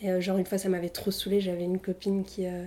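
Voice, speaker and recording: A woman's voice: on the low side, monotone, fast talker, dark tone. A young woman from Tunisia, a native Arabic speaker, talking casually and hesitantly about her life, with slang and many fillers. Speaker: interviewee. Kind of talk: casual personal testimony.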